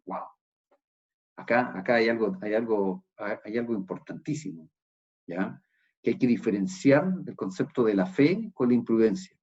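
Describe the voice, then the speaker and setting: A low, husky male voice with a Chilean accent delivers a sermon from a church. He explains the passage in an explanatory tone and keeps checking in with the congregation. The recording sounds dull and lo-fi. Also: lively intonation, normal speed, a little mellow. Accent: Chilean Spanish. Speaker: pastor.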